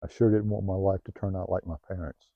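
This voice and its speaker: Middle-aged Southern man, low-pitched and heartfelt, motivational vlog, dry lo-fi sound. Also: level tone, fast talker, vocal fry, dry recording. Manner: heartfelt, repetitive, restarts phrases, softens when personal. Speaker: self-help vlogger. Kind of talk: earnest motivational talk to camera. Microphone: new home-video mic, dull sound.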